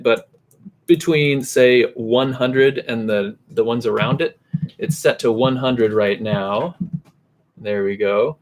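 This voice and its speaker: A middle-aged man teaching guitar at home in a relaxed, casual way, chanting rhythm syllables to show the tempo. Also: mid-range voice. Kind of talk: casual instructional talk. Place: home room. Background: faint metronome clicks and guitar.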